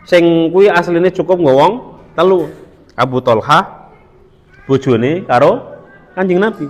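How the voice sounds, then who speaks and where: A man's voice: on the high side, a little slow. A man with a Javanese accent giving a religious study talk, telling a story with quotes and asking the audience questions. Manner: storytelling, switching between Indonesian and Javanese, quoting Arabic. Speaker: preacher. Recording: long hall reverb.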